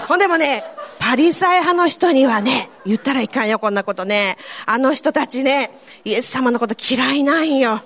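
A woman with a playing an excitable, out-of-breath country pilgrim in a church skit. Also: sits high, a little slow. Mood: chatty. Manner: gushing, squealing, chatty.

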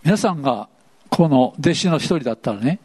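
Male pastor, chatty interactive sermon, bouncy and animated, slightly high voice. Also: brisk, husky. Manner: asks the congregation questions, playful and chatty.

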